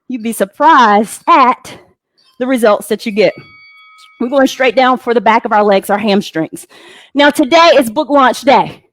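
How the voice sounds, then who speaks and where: A woman's voice: a little high, no echo. A woman fitness instructor leading a guided workout, calling out moves with upbeat encouragement. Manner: upbeat coaching cues with encouragement.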